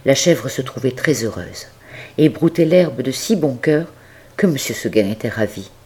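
A woman narrating a classic tale as an audiobook reader, expressive and talking straight to the listener. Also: extremely low pitch, normal speed, slightly rough. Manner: expressive, addresses the listener directly. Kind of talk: storytelling narration.

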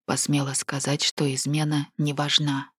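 A woman reading the lines of a cold, domineering, manipulative man in a flat, measured, unhurried way. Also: low voice, husky, no room sound, clean studio sound. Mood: cold, level.

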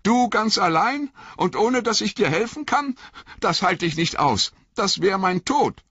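Casting: man voicing Sam, a young male hobbit servant, loyal and anxious, pitched well above the narrator's voice, earnest and pleading, slightly dull recording. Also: lively intonation, a little slow, fairly bright tone, husky, dry recording, heavily acted. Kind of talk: audiobook reading.

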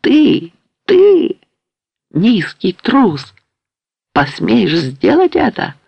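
A male reader playing a delirious young warrior who shouts in hoarse, broken outbursts. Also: on the high side, lively intonation, slow pace, no room sound, full character voice. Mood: raving, defiant. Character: delirious young man, feverish warrior raving.

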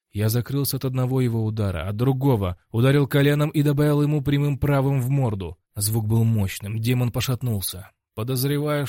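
A man narrating an action audiobook in the first person, in an even, matter-of-fact manner. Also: mid-range voice, dry recording, studio quality.

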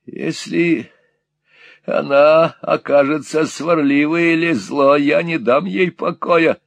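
A man voicing a spiteful, gloating old miser in a storybook reading, with a shrill, sneering, cackling voice. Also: takes it slowly, vocal fry, no room sound.

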